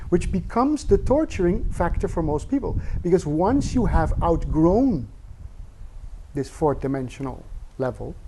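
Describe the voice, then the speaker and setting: A man's voice: fairly high pitch, background noise. A man, a spiritual teacher, giving an earnest, reflective satsang talk with casual asides and rhetorical questions.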